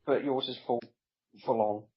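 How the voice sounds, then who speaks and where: A man's voice: mid-range voice, fairly even intonation, moderate pace. A man co-hosting a gaming podcast, laying out his plans in an easygoing, rambling way. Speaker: podcast co-host. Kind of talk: casual chat. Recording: dull lo-fi voice recording.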